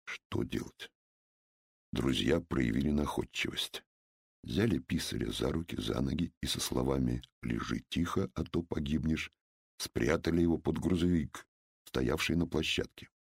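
Deep, husky male memoir narrator. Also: a little slow, no echo, clean studio sound. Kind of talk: first-person memoir narration.

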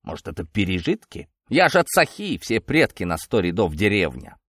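A man's voice: lowish voice, moderate pace, no echo, studio quality. A man voicing an agitated, blunt party secretary of rural roots who speaks emphatically. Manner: excited, emphatic, rustic bluntness.

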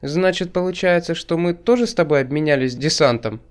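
A man reading an audiobook voices an ironic, skeptical young woman, raising his voice in pitch and teasing her questions. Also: brisk, smooth, natural voice.

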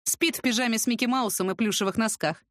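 A man's voice: extremely high pitch, fast, sharp tone, no echo, studio quality. A woman reading a cocky young man who mocks and teases in a lazy drawl, in a storybook voice. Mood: mocking. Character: cocky young man, smug teasing charmer.

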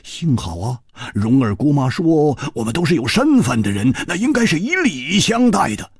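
Man putting on a boisterous swordsman, high and excitable, swinging wildly in pitch, husky edge, storybook reading. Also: no echo, studio quality, exaggerated voice. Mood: excited. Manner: high, fast, exclamatory with many fillers. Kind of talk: audiobook storytelling.

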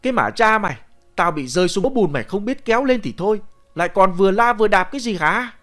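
A male narrator voicing a gruff old grandfather, a grave digger who curses and scolds bluntly. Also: mid-range voice, very animated, normal speed, faint music behind, lightly acted. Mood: angry shouting.

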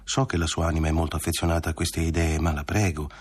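A man voicing a composed young husband in a literary audiobook, with a measured, earnest delivery. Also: a bass voice, little pitch movement, breathy edge.

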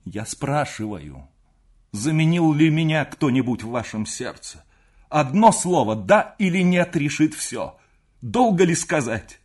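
A man's voice: medium pitch, big pitch swings, unhurried, a little mellow, breathy edge. A man playing a desperate, pleading young suitor in an audiobook reading, speaking with raised passion.

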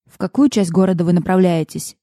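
A cool, mocking male boss who gives orders instead of asking, voiced by a woman reading the book. His lines come in a low, dark tone with a dry, close sound. This is a plain audiobook character voice. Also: brisk, no echo, close to an everyday voice. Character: sardonic self-assured male boss.

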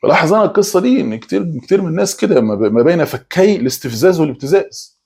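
A man preaching with an Egyptian Arabic accent, talking quickly with frequent restarts and repeated words. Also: fairly high pitch, lively intonation, gravelly, mellow, breathy edge. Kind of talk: religious talk.

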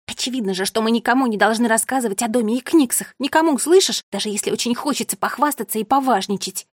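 A woman reading aloud, voicing a bossy, orderly girl who talks in a sharp, commanding way in a storybook. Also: fairly high pitch, fast, husky, dry recording, studio quality.

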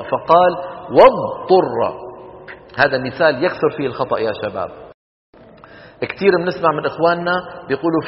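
A man teaching Quran recitation rules, quizzing his students and chanting example verses slowly. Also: a little high. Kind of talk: classroom lecture on tajweed. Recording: dull recording in a reverberant hall.

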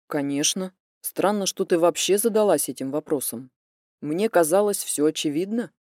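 A woman voicing a calm, blunt young man who speaks in a level, understated way. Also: on the low side, normal speed, dry recording, clean studio sound, lightly acted. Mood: calm teasing. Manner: level, even, understated delivery.

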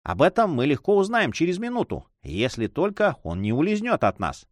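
A man's voice: on the high side, wildly swooping pitch, moderate pace, dry recording, studio quality, voice pushed up. A man voicing a loyal, shrewd majordomo who speaks in a deferential, reassuring way.

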